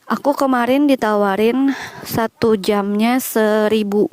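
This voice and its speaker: A woman's voice: on the high side, unhurried, a little mellow, clean tone, dry recording. Young indonesian woman vlogging outside on a walk, answering viewer questions, dry close sound. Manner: chatty, reads out and answers live questions. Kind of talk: casual chat while walking. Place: outdoors walking through a quiet village.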